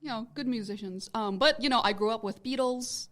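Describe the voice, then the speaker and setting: A woman's voice: a little high, brisk. A woman in her thirties from Turkey with a Turkish accent, a podcast guest in casual chat who rambles and circles back to restate her points.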